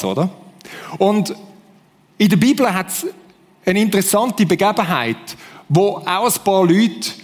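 In a large hall, a pastor with a Swiss German accent and a voice that sits high preaches a sermon. Playfully, he acts out fake enthusiasm in different voices.

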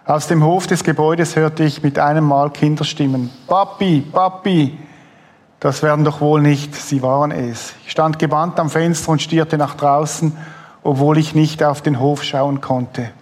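A man's voice: fairly high pitch, level tone, moderate pace, darkish tone. A man hosting an interview, reading a book passage aloud and murmuring agreement. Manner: attentive, frequent murmured agreement. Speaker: host, interviewer.

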